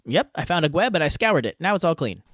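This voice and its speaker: A man's voice: a little high, sing-song, fast, fairly bright tone, a little hiss or hum. A man hosting a podcast, recording playful, self-mocking outtakes in a hot home garage. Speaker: podcast host. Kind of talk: outtakes, joking self-talk.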